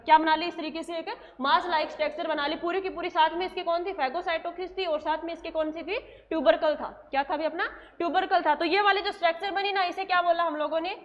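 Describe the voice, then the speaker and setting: A woman's voice: very high-pitched, steady tone, fast, hardly any pauses, lo-fi sound. A woman teaching a nursing class in a lecture style, asking questions and answering them herself.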